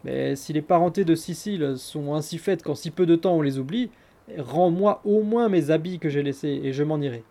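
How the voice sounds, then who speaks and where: A man's voice: fairly high pitch, fairly quick, few pauses, a little mellow, natural voice. A man voicing a young merchant who has been cheated, pleading and lamenting at a locked door. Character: young male merchant, tricked and desperate.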